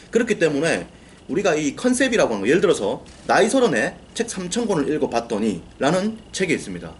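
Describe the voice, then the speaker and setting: A man's voice: medium pitch, slight background noise. A man giving a lecture on book writing as a coach, explaining point by point, repeating key phrases and asking and answering his own questions.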